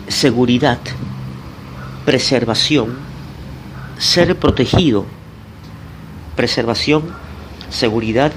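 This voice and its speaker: A man preaching as a pastor in a Bible teaching sermon. He talks deliberately, asks and answers his own questions, addresses listeners directly and spells out Greek words letter by letter. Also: medium pitch, slight background noise, rough recording.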